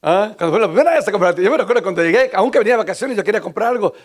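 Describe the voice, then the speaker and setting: A Guatemalan pastor with a high-pitched voice preaches a sermon very fast, his intonation lively. He keeps it conversational, putting questions to the congregation and often repeating or restarting words.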